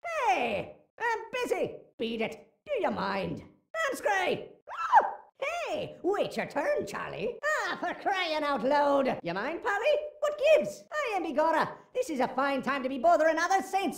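A man's voice: extremely high pitch, wildly swooping pitch, a little slow, creaky, a bit bright, echoey room, exaggerated voice. A man voicing a small, grumpy, cheeky leprechaun in a video game, with a squawky, impatient manner. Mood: irritated, brusque. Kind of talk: video game enemy barks.

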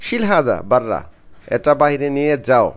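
A man teaching a spoken phrasebook lesson, who repeats each phrase and then explains it word by word, saying the foreign phrases louder and higher. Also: sing-song, moderate pace. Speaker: language teacher.

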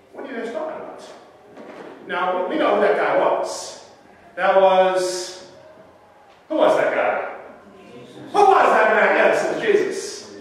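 Male pastor, animated storyteller, recorded from a distance in a long-reverb hall. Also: high-pitched, a little hiss or hum. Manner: animated storyteller, acts out scenes with shifting voice. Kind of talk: storytelling sermon. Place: church sanctuary. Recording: echoey church hall from far off.

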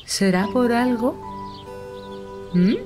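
A woman's voice: on the high side, extremely slow, music in the background. An actress voicing an affectionate older mother and grandmother in a dubbed film drama. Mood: teasing, curious.

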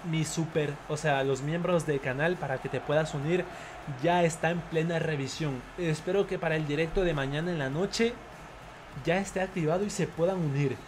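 A young man streaming a football video game live, chatty and excitable, greeting viewers by name as he plays. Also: fairly high pitch, normal speed, noisy background. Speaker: gaming streamer. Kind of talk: live gameplay commentary with chat shout-outs.

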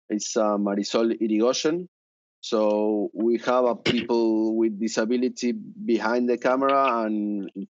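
Speaking from an indoor home room through a headset, this Argentine panelist in his thirties delivers conference panel talk in Argentine-accented English. His voice is on the low side with no echo. He stumbles through many fillers and restarts, and the video call audio is dull.

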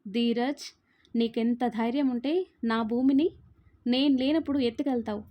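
A woman's voice: on the high side, fairly even intonation, moderate pace, dull audio, lightly acted. A woman voicing an angry young man, a fierce protective hero in a spoken story, threatening and furious.

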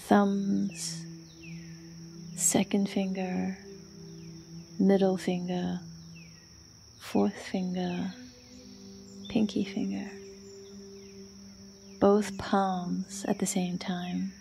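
Guiding listeners through yoga nidra, this instructor uses a medium-pitched, creaky voice. Her delivery is gentle and soothing, built from short phrases with long silences between them.

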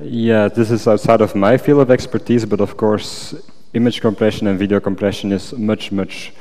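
Deep-voiced hedging man in echoey hall. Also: fairly even intonation, normal speed, dark tone. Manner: hedging, hesitant, with qualifications. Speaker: PhD candidate answering examiner questions. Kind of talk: academic thesis defense answers. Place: large wooden lecture auditorium. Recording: echoey lecture hall, long reverb.

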